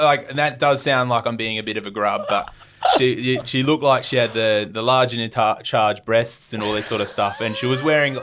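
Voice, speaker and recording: A man's voice: lowish voice, a bit bright. A young Australian man, a podcast guest, telling a travel story in a rambling way, with many fillers and restarts and acted-out quotes. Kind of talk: casual storytelling.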